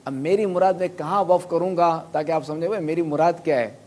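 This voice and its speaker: A man's voice: a little high, warm tone, slight background noise. A man preaching a sermon, explaining Quran pronunciation through spoken examples and asking his listeners to raise their hands. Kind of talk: sermon to a live audience.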